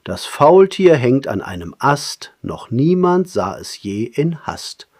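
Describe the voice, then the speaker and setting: A man voicing a sleepy, contented male sloth who murmurs softly for a storybook. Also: medium pitch. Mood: drowsy. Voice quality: soft, murmuring. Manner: slow, drowsy, relaxed. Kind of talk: storybook narration.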